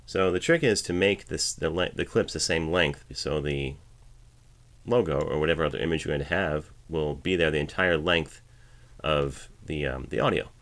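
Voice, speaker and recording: Working at the editing station of his home voiceover studio, a voiceover artist casually walks through each step of a tutorial screencast. His bass voice sounds fairly bright and moves at a normal speed.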